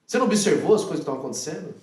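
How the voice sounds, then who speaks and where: A man's voice: a little high, animated, racing, darkish tone, close to an everyday voice. A man voicing an exasperated male disciple who fires off incredulous, scolding questions, heard from a distance in an echoey hall.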